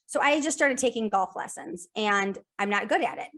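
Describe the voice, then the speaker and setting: A woman guest on a podcast, talking about sales in a casual, energetic way, repeating phrases in lists and often restarting. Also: medium pitch, normal speed.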